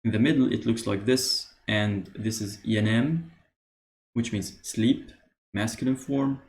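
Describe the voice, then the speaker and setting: A man teaching beginner Arabic, explaining patiently with pauses and many "uh"s. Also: lowish voice. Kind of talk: beginner language lesson.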